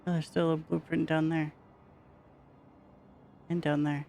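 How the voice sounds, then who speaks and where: A man's voice: a little high, little pitch movement, unhurried, vocal fry, a little mellow, a little hiss or hum. A man streaming a game with casual, playful commentary and jokey chatter to his viewers. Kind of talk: casual live gameplay commentary. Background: game music.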